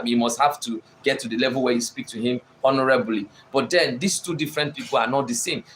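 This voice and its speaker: Male speaker, mid-pitched, insistent repetitive teaching delivery, faint hiss behind. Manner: repetitive, emphatic, addresses listeners directly. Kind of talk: motivational teaching monologue.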